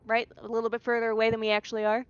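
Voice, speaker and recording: A woman's voice: on the high side, monotone, racing, clear, resonant tone, dull audio. A woman playing a tabletop game, decisive, laying out her character's plans step by step. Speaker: player. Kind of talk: tabletop role-play chat.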